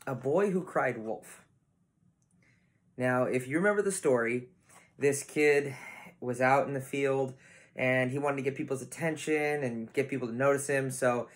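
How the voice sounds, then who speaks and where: Youth pastor, male, unhurried delivery, mid-pitched, chatty storytelling to teens. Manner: casual, animated storytelling with acted quotes. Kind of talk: youth Bible lesson.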